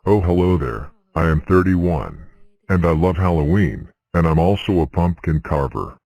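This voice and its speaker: A man voicing a deep-voiced cartoon number character in a fan cartoon, speaking in a slow, lively sing-song way. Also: dull audio. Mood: cheerful.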